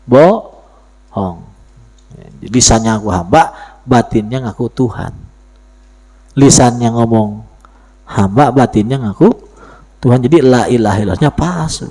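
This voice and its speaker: Man, religious teacher, gravelly, chants arabic verses. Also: mid-range voice, normal speed, long pauses, warm tone. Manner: playful, mock dialogues and asides. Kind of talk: Islamic study sermon.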